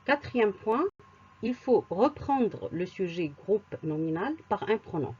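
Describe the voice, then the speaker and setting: A woman teaching a grammar lesson, explaining rules slowly with spoken examples and occasional hesitant fillers. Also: medium pitch, lively intonation, darkish tone, husky, lo-fi sound. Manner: slow and deliberate, repeats words, hesitant fillers. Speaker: French teacher.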